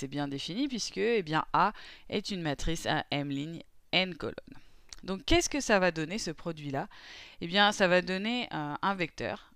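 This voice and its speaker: A smooth, clear voice in a dry, close recording, talking through a math lesson one step at a time. The teacher keeps asking questions aloud and then answers them, with a few fillers between the steps. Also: medium pitch, no echo. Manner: steady step-by-step explaining, asks itself questions and answers them; frequent fillers while working through the steps.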